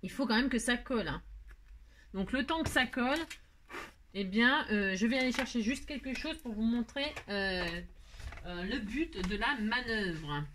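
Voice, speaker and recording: A woman's voice: on the high side, lively intonation, measured pace, a bit bright, a little hiss or hum. A woman hosting a casual scrapbooking tutorial at home, chatting to viewers in a rambling, self-mocking way as she works. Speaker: craft tutorial host.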